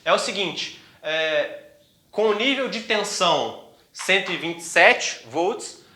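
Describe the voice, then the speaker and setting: A man's voice: sits high, expressive, slow, pushed and bright, echoey room. A man with a Brazilian accent giving a casual video lesson to viewers, chatty with frequent fillers and restarts. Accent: Brazilian Portuguese. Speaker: electrician explaining to viewers.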